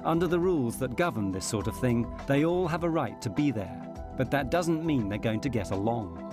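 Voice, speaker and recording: A man narrating a documentary in a measured, dramatic scripted delivery. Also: medium pitch, expressive. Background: music.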